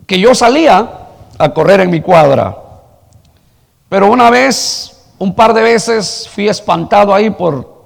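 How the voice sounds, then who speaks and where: A man's voice: high-pitched, vocal fry, long reverb tail. A man preaching a sermon as pastor, asking the congregation rhetorical questions and telling a story. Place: church hall.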